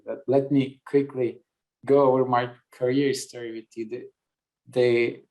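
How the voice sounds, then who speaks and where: A man's voice: mid-range voice, darkish tone, rough recording. A middle-aged man from Turkey, speaking in a webinar discussion, reflective and thinking aloud with frequent fillers. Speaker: panelist.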